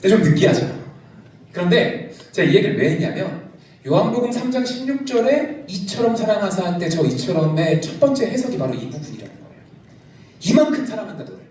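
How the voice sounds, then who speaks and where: A middle-aged male pastor preaching a youth service sermon in a large church sanctuary, lively and joking with the congregation. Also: high voice, fairly quick, slight background noise. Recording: echoey church hall, from a distance.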